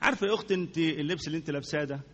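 Animated Egyptian preacher in a reverberant hall. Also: male voice, fairly high pitch, rapid-fire. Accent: Egyptian Arabic. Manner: animated, repeats words for emphasis, asks the congregation questions. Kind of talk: sermon.

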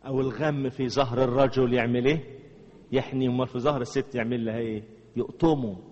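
A man with an Egyptian Arabic accent preaching a sermon dramatically, jumping from loud exclamations to slow, low phrases. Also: husky. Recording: dull sound with long hall reverb.

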